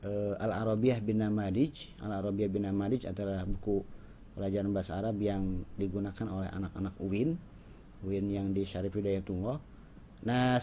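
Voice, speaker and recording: A man teaches a class, explaining step by step with a lively, rising and falling delivery. His voice is mellow and warm. A faint hiss of background noise sits under the talk. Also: mid-range voice. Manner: explanatory, lively intonation, frequent "ya" and "nah". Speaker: Arabic teacher. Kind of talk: classroom lesson.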